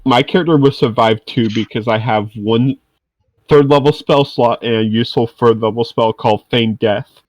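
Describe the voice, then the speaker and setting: A man in a tabletop game, talking casually and excitedly as he thinks aloud, in a mid-pitched voice. The recording is dry. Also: normal speed, dry recording, muffled recording. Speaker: player.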